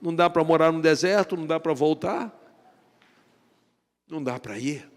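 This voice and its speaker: A man preaching a sermon as pastor, impassioned, building to emphatic repetition and dropping to hushed lament when he dramatizes scripture. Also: fairly high pitch, moderate pace. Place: church sanctuary. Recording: long reverb of a church hall.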